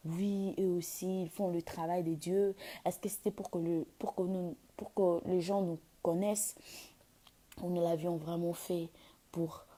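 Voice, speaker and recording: This worship leader's informal devotional exhortation invites people to a praise event. Her French is hesitant, with slips into English partway through, and her husky, breathy voice is warm and sits on the low side.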